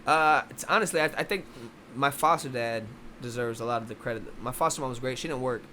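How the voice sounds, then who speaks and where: Young man from Philadelphia, boxing coach guest; quick, rambling, loose and casual delivery. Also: mid-range voice, bright, forceful tone, slight background noise. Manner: fast, rambling, many restarts. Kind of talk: casual interview chat.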